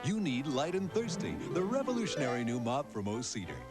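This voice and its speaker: A man's voice: medium pitch, very animated, a little fast, loud music behind the voice. A man reading a scripted TV product commercial as announcer.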